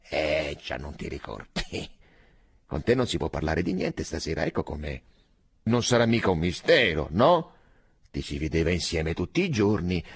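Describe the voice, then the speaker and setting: A man reading aloud, voicing a tipsy, boisterous young male officer who keeps pressing his friend in a loud, jovial way. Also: rumbling low, very animated, moderate pace, slightly rough, heavily acted. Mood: teasing.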